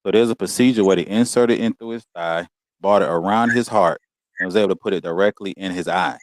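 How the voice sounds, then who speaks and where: A man's voice: deep voice, fast, dry recording. An American man telling a personal story as a podcast guest, in a casual, heartfelt way. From United States. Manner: informal, heartfelt, peppers speech with "man" and "you know what I'm saying".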